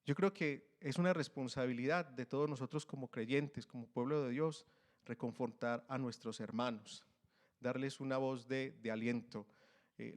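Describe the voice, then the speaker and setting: A man preaching an evening sermon to his congregation. He reads scripture aloud and talks earnestly, often pausing and restarting. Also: medium pitch. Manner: earnest, hesitant, many fillers and restarts, louder when reading scripture. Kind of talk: sermon with Bible reading.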